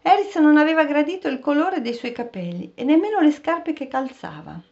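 A woman's voice: high voice, expressive, fairly quick, a little mellow. Woman reading a story aloud. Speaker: audiobook reader. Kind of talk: scripted narration. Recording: dull, muffled recording.

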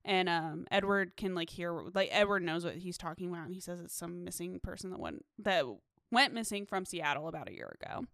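A woman's voice: lowish voice, expressive, a little fast, creaky, hardly any pauses, fairly bright tone, dry recording, studio quality. A woman co-hosting a podcast, recapping a film in casual chat, swearing and filling with "um" and "like". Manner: swearing, filler-heavy, recapping scenes. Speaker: podcast co-host.

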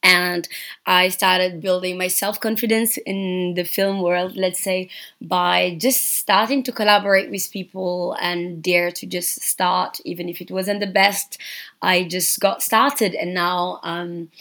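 A young woman from Senegal, a guest artist in an interview, speaking thoughtfully with frequent pauses and fillers. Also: lowish voice, steady tone, a bit bright. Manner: thoughtful, many fillers and restarts. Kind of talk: casual interview.

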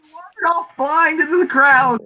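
A player at a tabletop role-playing game, deadpan and dry in character. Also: high-pitched, moderate pace, poor audio.

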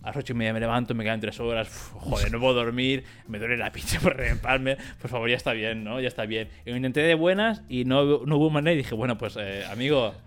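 A man's voice: mid-range voice, fast talker, few pauses. A man co-hosting a casual podcast chat, telling a story with lots of fillers and slang. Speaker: podcast co-host.

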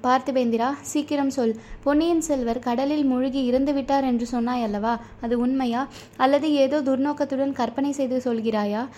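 A woman's voice: sits high, fairly even intonation, brisk, mellow, lightly acted. A woman voicing a proud, fierce old male chieftain in a storybook reading, stern and commanding. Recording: dull lo-fi recording.

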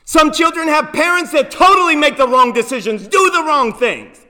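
A man preaching a fervent sermon as pastor of a church, rising to shouts of praise. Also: very high voice, moderate pace, in a large hall. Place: church sanctuary.

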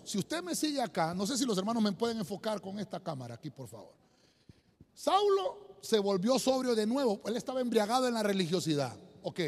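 High, lively preaching man in a reverberant hall. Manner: preaching with frequent repetitions and direct address to the congregation. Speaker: pastor. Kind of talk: sermon. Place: church sanctuary.

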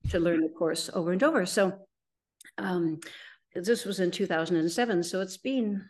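A woman's voice: on the low side, moderate pace, darkish tone. A middle-aged woman, a guest in an interview, telling her story in a rambling way with frequent ums and restarts. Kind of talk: conversational storytelling.

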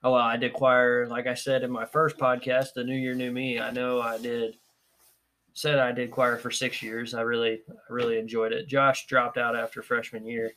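A man's voice: medium pitch, normal speed. A young man hosting a podcast, telling stories in casual chat with frequent laughs. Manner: animated, laughing storyteller. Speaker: podcast host.

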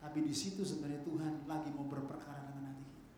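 A man preaching a sermon as pastor, swinging between loud emphatic peaks and quiet asides and mixing in English words. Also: fairly high pitch, flat delivery, very fast, a little hiss or hum. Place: church. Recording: very echoey church hall.

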